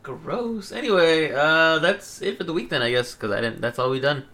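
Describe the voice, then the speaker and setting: A man's voice: a little high, expressive, a little fast, pushed and bright. Brief: young male host, casual crude banter, rambling delivery. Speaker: podcast host.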